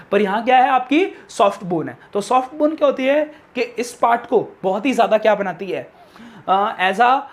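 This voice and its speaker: Speaking in a very high pitch, a male science teacher delivers a biology lesson to a classroom. He blends English technical words into his explanation, answers the questions he raises, and goes back over key terms slowly for emphasis.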